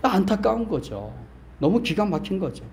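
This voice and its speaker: High-voiced pastor preaching with insistent emphasis. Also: male voice, very animated, normal speed, gravelly, darkish tone. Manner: asks the congregation questions and jokes with them; rises to emphatic, insistent peaks. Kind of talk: sermon. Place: small church sanctuary.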